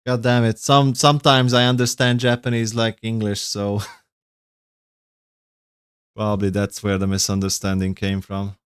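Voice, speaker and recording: Male streamer, off-the-cuff reaction chat, rambling and self-correcting, smooth clear voice, dry close mic. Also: on the low side, little pitch movement, normal speed, pauses often, no room sound. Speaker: streamer reacting to game lore. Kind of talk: casual livestream reaction chat.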